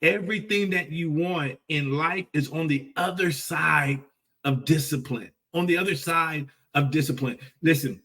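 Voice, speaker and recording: A man in his forties hosts a motivational livestream, speaking emphatically, repeating key phrases and tagging lines with a rhetorical "right?". His voice is fairly high and fairly bright, and he sounds far from the mic.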